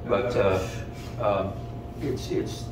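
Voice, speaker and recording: An older man, a guest speaker answering audience questions in a measured, hesitant way with many fillers, recorded from the audience in a wood-panelled room. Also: low-pitched, steady tone. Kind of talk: lecture Q&A. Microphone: far camera in the audience. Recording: echoey room from far off, noisy.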